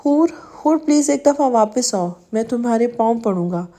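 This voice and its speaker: A man's voice: extremely high pitch, lively intonation, dark tone. A woman voicing a grief-stricken young man who begs for forgiveness. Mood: pleading.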